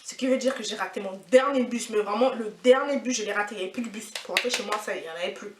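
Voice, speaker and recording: A woman's voice: mid-range voice, very fast, a little hiss or hum. A woman in her twenties telling a story in a casual, indignant, slangy way, repeating herself for emphasis. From France. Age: 20s. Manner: indignant, animated, repetitive slangy retelling. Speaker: vlogger. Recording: echoey room, mic at a distance.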